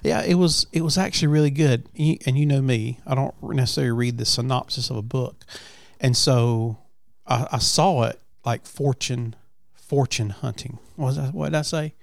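Gravelly man, casual chat. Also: mid-range voice, steady tone, normal speed, dry recording, clean studio sound. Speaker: podcast host. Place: at a family farm.

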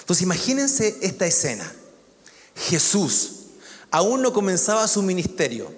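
A man's voice: high-pitched, wildly swooping pitch, a little slow, big-room sound. A man preaching a sermon, conversational and joking, with asides to the congregation. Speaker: pastor.

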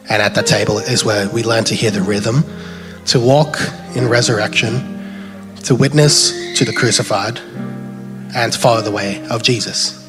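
A man giving a loose, conversational sermon in a church hall and leading a closing prayer, often tagging his points with "right?". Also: mid-range voice. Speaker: preacher. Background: keyboard music playing behind.

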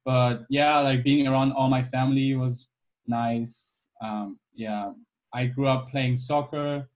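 A man in his twenties from Iran, a guest speaking in a casual interview, easygoing and thoughtful with many pauses. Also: mid-range voice, fairly even intonation, darkish tone, highs cut off. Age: 20s.

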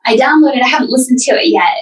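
A woman guest telling her personal story earnestly, with halting restarts. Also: high-pitched, lively intonation, distant mic, low-quality recording. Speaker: podcast guest.

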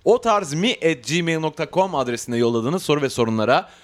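A man's voice: a little high, lively intonation, fairly quick. A man hosting an advice podcast, joking with his co-hosts and reading a listener letter aloud in a playful tone. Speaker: podcast host.

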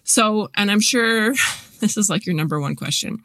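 A woman's voice: medium pitch, lively intonation, normal speed, a bit bright, no echo, studio quality. A woman hosting a podcast interview, chatting casually with plenty of fillers, restarts and agreeable asides. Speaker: podcast host.

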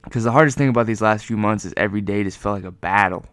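A man with a fairly low, very clean and smooth voice records a podcast lying on the floor. He speaks in a casual, reflective monologue, pausing and repeating words as he feels for what to say. The sound is dry and close. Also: a bit bright, no room sound. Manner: hesitant, searching, with repeated words and pauses; talking while lying on the floor. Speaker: podcast host. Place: lying on the floor of a room at home.

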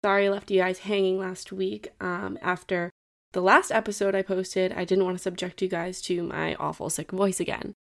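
Young female podcast host, chatty and rambling, with fry in her voice. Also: lowish voice, flat delivery, moderate pace. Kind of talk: casual chat.

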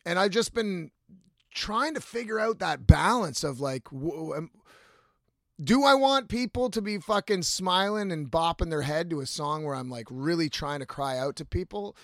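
A singer-songwriter in his thirties hosts a casual, confessional solo podcast, rambling candidly and swearing freely. His voice is a little high, expressive and fairly bright, at a moderate pace, in a dry, studio-quality recording.

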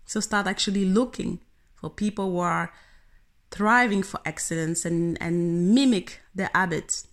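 A woman's voice: fairly low pitch, measured pace. Earnest woman giving a motivational talk. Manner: earnest, animated, speaks directly to the listener. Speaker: tennis coach.

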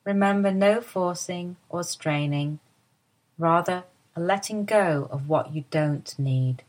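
Slow, low-voiced woman guiding relaxation. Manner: soft, slow, soothing guidance. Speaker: movement teacher guiding a lie-down. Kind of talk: guided body-awareness instruction.

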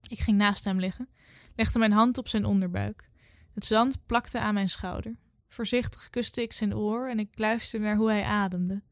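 A woman in her twenties reading her own literary story aloud in a calm, measured way. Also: medium pitch, no echo, studio quality. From Netherlands. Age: 20s.

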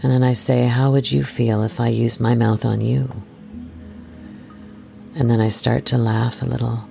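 A storyteller hosting an adult story series in a soft, intimate, scripted first-person narration, hushed and measured, slipping into breathy whispers. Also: medium pitch, little pitch movement. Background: music.

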